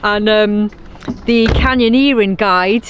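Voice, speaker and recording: A British woman chatting excitedly in a casual travel vlog, outdoors in a small town, saying "like" a lot. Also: medium pitch, slow, background noise. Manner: chatty, excitable, says "like" often. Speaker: vlogger.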